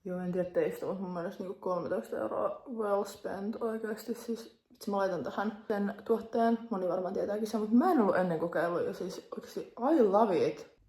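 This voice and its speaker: A young woman in her twenties chats to her phone camera at home, vlogging casually in an upbeat way and using plenty of fillers. Her voice sits in the mid-range with a dark tone.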